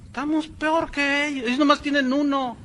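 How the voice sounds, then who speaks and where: Emphatic high-voiced male preacher. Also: level tone, normal speed. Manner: emphatic preaching, swings between loud and hushed. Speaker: pastor. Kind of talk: sermon.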